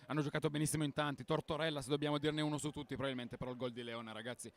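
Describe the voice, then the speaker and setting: Enthusiastic, slightly high male co-commentator. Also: steady tone, racing. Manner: enthusiastic, fluent praise. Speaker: football co-commentator. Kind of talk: live sports commentary.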